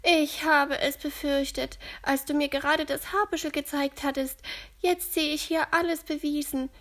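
A woman voicing a kindly elderly woman who speaks calmly and reassuringly. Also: high-pitched, normal speed, pitched above the performer's own voice.

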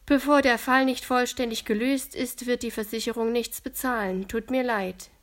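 A woman's voice: fairly high pitch, moderate pace, natural voice. A woman voicing a polite, businesslike young insurance man.

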